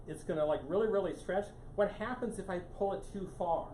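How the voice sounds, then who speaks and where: Picked up by a distant mic in an echoey meeting room with a constant hum, a man with a fairly high voice lectures a small live audience on climate science as a guest speaker. He talks a little fast and casually, keeps restarting sentences, and says "here" over and over.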